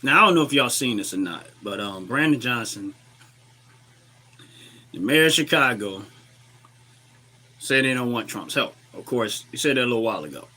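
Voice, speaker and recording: Slightly sick man hosting, bright forceful voice. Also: medium pitch, lively intonation, moderate pace, pauses often. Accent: American. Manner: colloquial, opinionated, repeats phrases for emphasis. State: a little under the weather, clearing throat. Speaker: livestream host. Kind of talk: casual livestream political commentary.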